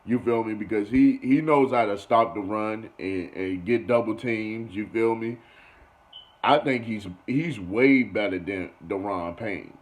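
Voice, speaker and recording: A young man hosts a casual sports commentary vlog in a lowish, unhurried voice. He talks loosely and conversationally, repeating himself and constantly dropping "you feel me" and "you know."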